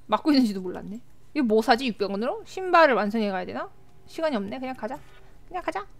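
A young woman streaming a game live, chatting with viewers, often repeating words in rapid excited bursts. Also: on the high side, vocal fry. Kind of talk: live gameplay commentary.

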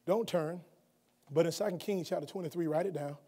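A middle-aged male guest preacher with a high, bright voice, delivering a sermon from a lectern in a college chapel. He drops to calm teaching, then climbs into shouted emphasis, stumbling and restarting as he goes. The big room adds a long, ringing reverb. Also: fairly quick, slightly rough. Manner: swings from quiet explanation to shouted emphasis; stumbles and restarts often when speaking off the cuff. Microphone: lectern microphone, wide camera.

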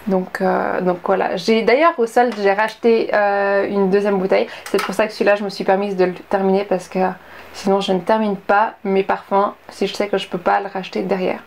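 A woman's voice: mid-range voice, flat delivery, fairly quick, vocal fry, slight background noise. A young woman chatting casually through a beauty product review, full of fillers and asides. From Switzerland. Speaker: beauty vlogger.

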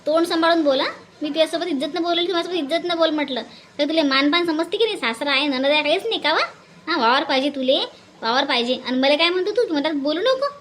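A woman voicing a sharp-tongued young village daughter-in-law in a cartoon, with a Varhadi Marathi accent and a shrill, scolding delivery. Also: fast talker, a little hiss or hum. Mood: defiant. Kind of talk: cartoon voice acting.

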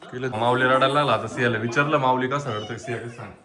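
A man's voice: mid-range voice, fast. A father at home chatting casually and teasingly with his toddler during a family vlog. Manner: teasing, relaxed talk to a toddler.

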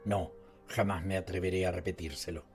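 A man's voice: sits low, fairly even intonation, brisk, faint music behind, voice pushed down, lightly acted. A man doing a sly old gossiping spinster. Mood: confiding. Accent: Latin American Spanish. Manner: murmuring, confidential.

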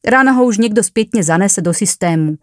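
A woman's voice: medium pitch, animated, no room sound, clean studio sound, natural voice. A woman voicing a grumpy young male coworker in a hurry to leave, who speaks in a curt, dismissive way.

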